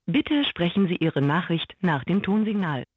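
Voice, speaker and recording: A woman's voice: fairly low pitch, lively intonation, normal speed. A woman's recorded voicemail greeting, a polite and formal automated mailbox announcement played over a phone. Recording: tinny phone line with faint hiss.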